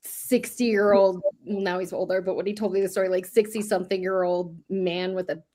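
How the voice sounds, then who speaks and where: A woman's voice: medium pitch, steady tone, fairly quick, dark tone. A woman in her thirties, hosting a casual chat and telling family stories, full of "like" fillers. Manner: chatty storyteller, many "like" fillers. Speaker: host.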